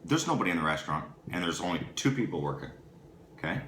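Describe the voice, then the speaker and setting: A man, co-hosting a casual chat and telling a story with lively acted-out quotes. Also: low-pitched, fast talker. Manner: animated storyteller, acts out quotes. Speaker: podcast co-host. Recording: echoey room with faint background noise.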